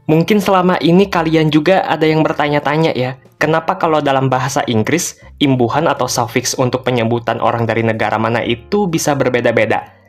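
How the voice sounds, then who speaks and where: Playful, chatty male explainer host. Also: mid-range voice. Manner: playful, joking, chatty slang. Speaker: host of an educational channel. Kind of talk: casual scripted explainer narration.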